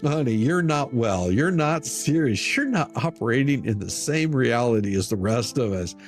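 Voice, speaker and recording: With music running beneath him, a man delivers a mocking, profanity-filled dramatic reading of an open letter as an online commentator. His mid-range voice has lively intonation and moves at normal speed.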